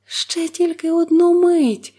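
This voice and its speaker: A woman's voice: a little high, fairly even intonation, normal speed, a little mellow, pitched above the performer's own voice. A woman voicing a terrified young wife in a storybook, pleading in a raised, desperate voice.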